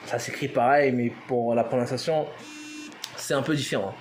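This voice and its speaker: A man's voice: medium pitch, steady tone, normal speed, slight background noise. A man giving an informal language lesson, hesitant with many fillers, spelling words out letter by letter. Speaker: language teacher.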